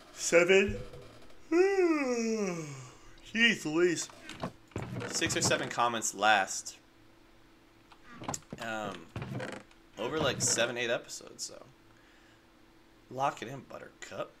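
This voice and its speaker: Over a noisy background, a congested man with a mid-range voice rambles through casual, unedited gameplay commentary. The gaming creator chats freely with his audience, addressing his chat as "guys."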